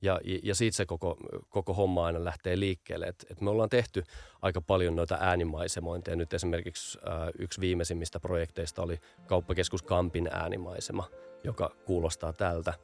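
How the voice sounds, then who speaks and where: A man's voice: low voice, level tone, creaky, darkish tone, faint music behind. A man being interviewed as an audio branding expert, explaining patiently and often repeating small fillers while he thinks.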